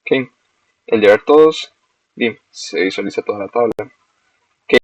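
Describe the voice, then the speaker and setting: A young man, a student walking through a screen-recorded software demo step by step and correcting himself as he goes. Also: fairly low pitch, unhurried, husky, no echo. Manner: explains step by step, self-corrects. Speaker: student presenting a project. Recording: dull, lo-fi dry recording.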